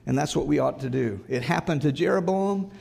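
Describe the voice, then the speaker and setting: A man's voice: on the high side, brisk, vocal fry, darkish tone. A male pastor preaching a sermon, earnest and emphatic, repeating his exhortations.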